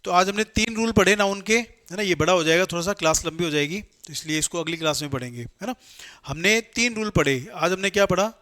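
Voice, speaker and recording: A man gives a classroom grammar lecture and pitches his voice slightly high. He poses questions to the class and answers them himself, mixing with English terms as he works through each rule. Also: fairly quick, bright, forceful tone. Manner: explains step by step, asks and answers his own questions; mixes Hindi with English terms. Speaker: English teacher for competitive exams.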